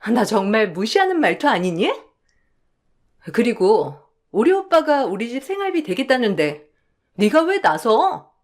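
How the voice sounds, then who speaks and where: Spoiled, sneering young sister-in-law for a radio drama, high and swooping, voiced by a woman. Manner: sneering, bratty.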